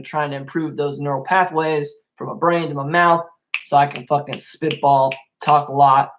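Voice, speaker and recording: A young man hosting a casual solo podcast, rambling and swearing a lot, getting worked up and then calming down. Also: a little high. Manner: rambling, profane, easily worked up. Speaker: podcast host.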